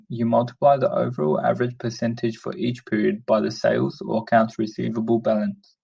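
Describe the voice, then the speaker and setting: A man reading a prepared script as a steady, plain narration over a lo-fi screen recording. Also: mid-range voice, gravelly, husky. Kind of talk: read-aloud screencast narration. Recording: dull lo-fi sound, distant from the mic.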